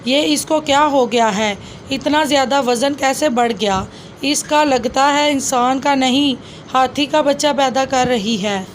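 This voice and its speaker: A woman's voice: sits high, unhurried, slight background noise. Woman reading as a blunt, shocked lady doctor.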